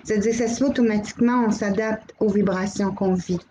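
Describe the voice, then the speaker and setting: A middle-aged woman with a Québécois accent, hosting a live channeling stream, gently relaying messages and greeting viewers by name. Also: mid-range voice, fairly even intonation, brisk, slight background noise, poor audio. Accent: Québécois French. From Quebec.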